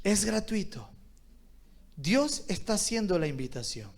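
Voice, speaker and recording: A man preaching a sermon from the pulpit, with a very high voice and slow, drawn-out delivery. He swings between loud, shouted exhortation and low, quiet asides, calling on the congregation to answer aloud. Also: very animated. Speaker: pastor.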